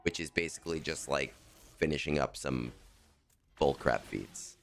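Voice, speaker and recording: A man's voice: extremely low pitch, measured pace, gravelly, a bit bright. A man streaming a game and chatting in a casual, rambling and joking way, his voice scratchy in the morning. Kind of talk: casual live-stream chat.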